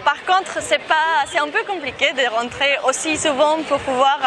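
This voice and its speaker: A high-voiced woman from Mexico, a Spanish-speaking festival director, gives a casual interview on a busy street. She talks at a moderate pace but hesitantly, with many fillers and restarts. Street noise and crowd chatter fill the recording.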